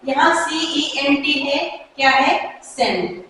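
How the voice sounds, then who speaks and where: A woman teaching English pronunciation in Hindi, slowly repeating each example word. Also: high-pitched, a little hiss or hum. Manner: slow, repeats example words with care. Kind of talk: Hindi-medium pronunciation lesson. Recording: echoey room, mic far off.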